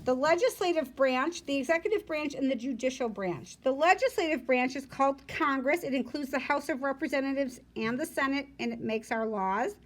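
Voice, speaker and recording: A woman's voice: sits high, expressive, brisk, hardly any pauses. A woman teacher reading a textbook aloud to her class and explaining it in plain, simple words as she goes. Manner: explanatory, breaks down points for students in plain words. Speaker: school teacher.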